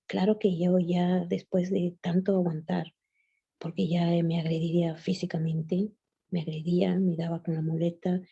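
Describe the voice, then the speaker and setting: Brief: middle-aged woman, low, dark and gravelly voice, earnest faith testimony on a dull lo-fi track. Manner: earnest, halting, addresses listeners as sisters. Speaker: guest giving testimony.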